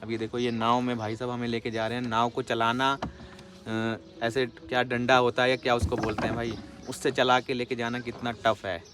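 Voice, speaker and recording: A man's voice: mid-range voice, flat delivery, moderate pace. Male travel vlogger, chatty and friendly, filming himself outdoors on a lake boat with a handheld camera, faint background noise. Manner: chatty, keeps calling the viewer "bhai". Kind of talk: casual travel vlog.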